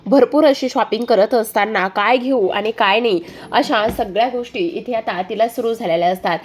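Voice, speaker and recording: A woman's voice: fairly high pitch, normal speed, a little hiss or hum. A woman narrating a television serial recap, with hesitant fillers and repeated linking phrases.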